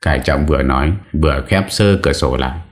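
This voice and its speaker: A man narrating a ghost story in a steady, measured reading voice. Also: a bass voice.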